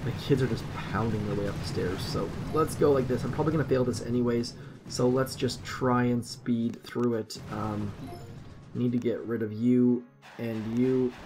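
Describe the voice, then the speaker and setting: Against background noise, a man with a mid-range voice casually comments on his own mobile gaming from home. He's a gaming channel host, likely in his thirties, who chats, thinks aloud, and makes fun of himself.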